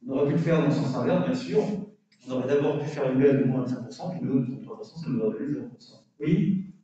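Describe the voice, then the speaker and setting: A man's voice: mid-range voice, fast, dark tone. A man lecturing through a face mask, explaining calculations step by step, correcting himself and checking with questions. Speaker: university lecturer. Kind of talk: statistics lecture with worked calculations. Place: lecture room with students. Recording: muffled, very echoey lecture room, distant mic.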